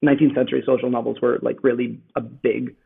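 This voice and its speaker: Speaking quickly in a gravelly, husky, medium-pitched voice with little pitch movement, a man whose native language is Italian is interviewed conversationally as a guest author. He is thoughtful, full of fillers and restarts, and joins a remote call from home in Rome that sounds tinny and phone-like.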